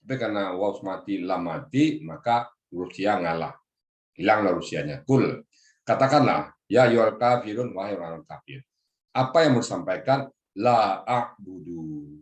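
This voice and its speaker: A deep, low-pitched man teaches a group on a video call, walking through the grammar of each word. He often turns to his listeners with a polite "Pak". His voice rings a little in an echoey room. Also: animated, normal speed. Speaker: religious teacher. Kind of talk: Quran exegesis lesson to a group.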